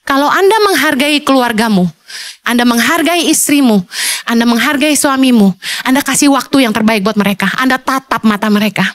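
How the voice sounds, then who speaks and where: A woman pastor giving a casual, colloquial sermon, animated and playful as she acts out everyday scenes. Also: high voice.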